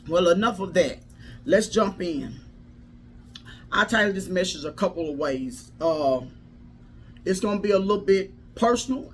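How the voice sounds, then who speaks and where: A woman's voice: lowish voice, fairly bright tone, a little hiss or hum. A woman life coach giving a casual motivational livestream talk in a folksy, preacherly manner, repeating phrases for emphasis.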